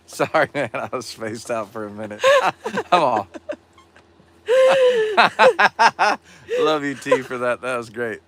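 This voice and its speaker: A man's voice: mid-range voice, normal speed, a bit bright. A man co-hosting a casual live stream, laid-back and a bit spacey, laughing easily. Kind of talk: casual chat.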